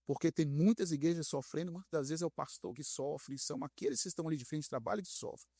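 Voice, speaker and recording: A bishop with a Brazilian Portuguese accent tells a story on a podcast, frank and animated, voicing each person he quotes. His male voice sits a little high, and the sound is close and dry with no room behind it. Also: fast talker, vocal fry, slightly rough, dry recording. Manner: animated, acts out dialogue in his stories; frank, direct speaker.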